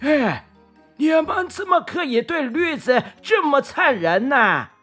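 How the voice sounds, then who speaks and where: An outraged old man, played by a woman, shouting and scolding with lively swoops in pitch. He exclaims at every turn, pitched a bit high and forceful, in a storybook telling. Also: slow, soft background music, full character voice. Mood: indignant.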